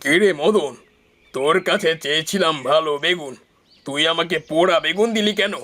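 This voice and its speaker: A man voicing a stern older male landlord in a cartoon, speaking in a gruff, commanding way. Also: on the high side, normal speed, pushed and bright, voice pushed down. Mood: annoyed.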